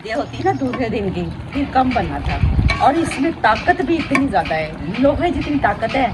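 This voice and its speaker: A woman's voice: fairly high pitch, big pitch swings, normal speed. Chatty Punjabi-accented woman, noisy outdoors. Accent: Pakistani Punjabi. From Pakistan. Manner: chatty, addresses viewers directly, frequent fillers. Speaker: village cooking vlogger. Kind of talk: casual cooking demonstration. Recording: loud outdoor noise with passing vehicles.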